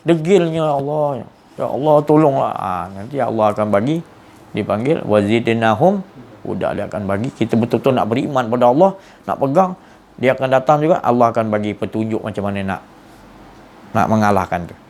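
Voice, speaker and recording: A man's voice: lowish voice, lively intonation, a little fast, a little mellow. A man giving an earnest religious lecture, often repeating and restarting words. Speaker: religious teacher.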